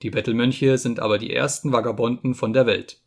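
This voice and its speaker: A man voicing a sly table jester who mocks calmly, in an audiobook reading. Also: medium pitch, fairly quick, creaky. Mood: mocking.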